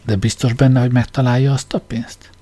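A man voicing a lively, skeptical young woman who fires off short, sharp questions. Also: mid-range voice, close to an everyday voice. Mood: teasing.

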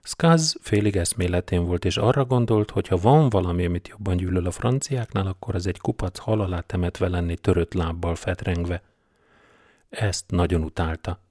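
A man narrating an audiobook in a measured, deadpan storytelling manner. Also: low voice, no room sound, studio quality. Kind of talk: scripted narration.

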